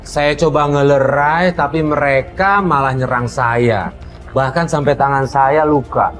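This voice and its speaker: A man narrating in voice-over what happened, in a quick, plain recounting manner. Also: medium pitch, a bit bright, faint music behind. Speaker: host narrating.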